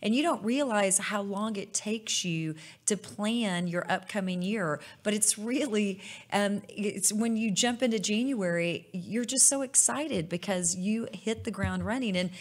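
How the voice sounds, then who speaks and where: A woman's voice: mid-range voice, a little slow, few pauses. Playful woman with a country Oklahoma-Dallas accent. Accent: Southern US, Dallas and Oklahoma country. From Dallas, Texas. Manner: playful, excitable, laughs often. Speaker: co-host. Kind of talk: lively casual chat.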